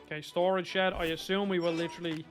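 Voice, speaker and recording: A man's voice: high-pitched, level tone, fast, faint music behind. A man with a Dublin accent giving chatty, rambling, opinionated commentary while playing a video game. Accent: Dublin Irish. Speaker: gaming YouTuber. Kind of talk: casual gameplay commentary.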